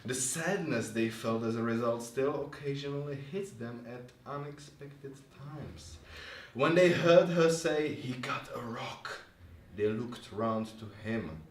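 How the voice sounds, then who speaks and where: A man of medium pitch reads prose at a slow pace to listeners in a bar, serving as both host and reader of the literary event. Faint noise sits under the roomy, far-off live recording.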